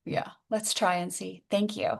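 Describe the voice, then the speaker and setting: Polite woman hosting over a video call, cutting in gently. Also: medium pitch, little pitch movement, moderate pace, vocal fry. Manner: polite, apologetic interrupting. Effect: video call audio. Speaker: webinar host.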